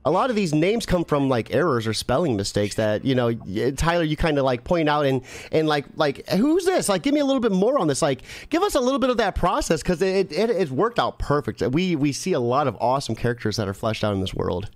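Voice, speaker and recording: A man's voice: a little high, big pitch swings, brisk, hardly any pauses, no room sound. A man in his thirties hosting a casual interview, enthusiastic and full of fillers. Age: 30s. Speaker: interviewer, host. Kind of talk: casual video-call interview.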